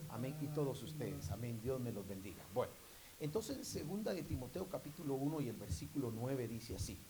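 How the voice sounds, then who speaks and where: A man preaching a sermon to his congregation, repeatedly calling out to them and rising into loud, emphatic bursts. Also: mid-range voice, big pitch swings, brisk, a little hiss or hum, poor audio.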